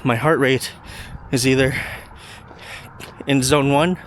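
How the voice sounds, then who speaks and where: A man with a mid-pitched voice vlogs casually while out running. He speaks in short, halting phrases with pauses between them. Clear outdoor noise and passing cars sit behind his voice. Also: fairly even intonation. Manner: talking while out running and walking. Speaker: running vlogger. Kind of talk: casual vlog talk to camera. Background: traffic and outdoor ambience.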